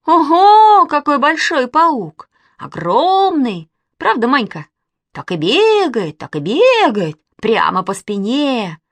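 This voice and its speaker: A woman's voice: sits high, big pitch swings, slow, no echo, voice pushed up, heavily acted. A woman voicing a bossy young girl who scolds and teases in a raised voice. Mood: teasing. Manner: scolding, teasing. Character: bossy sharp-tongued young girl Katya.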